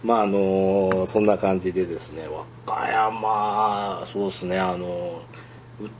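A man's voice: low-pitched, fairly even intonation, measured pace, muffled recording, slight background noise. A man chatting casually on the radio, rambling with many fillers and frequent chuckles. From Hyogo, Japan.

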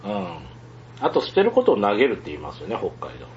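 A man's voice: on the low side, huge pitch swings, quick pace, highs cut off, slight background noise. A man chatting casually on the radio, rambling with many fillers and frequent chuckles. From Hyogo, Japan.

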